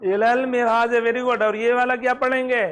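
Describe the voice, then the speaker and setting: Teacher quizzing a class, drilling slowly. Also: medium pitch, flat delivery, a bit bright, clean tone. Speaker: Arabic teacher. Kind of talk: classroom lesson.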